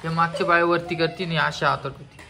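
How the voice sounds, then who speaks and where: A man's voice: on the high side, level tone, brisk, vocal fry, sharp tone. A man chatting playfully at home for his family vlog, coaxing the children as he films. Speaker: family vlogger. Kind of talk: casual home vlog chat. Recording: noisy home phone recording.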